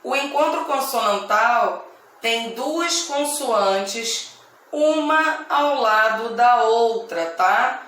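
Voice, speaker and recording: Brazilian woman teacher, very slow careful speech, slightly high voice, echoey room, distant mic. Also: animated, a bit bright. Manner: slow, deliberate, repeats each word, frequent "tá?". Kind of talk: slow Portuguese grammar lesson for children.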